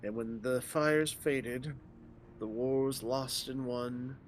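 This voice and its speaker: A man gives slow, lightly acted, medium-pitched readings as an ancient, weary male dragon in a game, with a bit of hiss or hum in the background. The archaic lines come out solemn, with stumbles since he's reading them unrehearsed.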